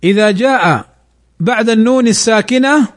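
A man teaching Quran recitation rules, asking questions and slowly drawing out recited examples. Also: high-pitched. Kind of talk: slow Tajweed lesson.

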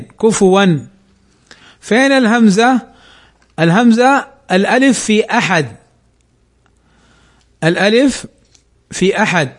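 A man teaching Quran recitation rules, asking questions and slowly drawing out recited examples. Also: sits high. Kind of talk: slow Tajweed lesson.

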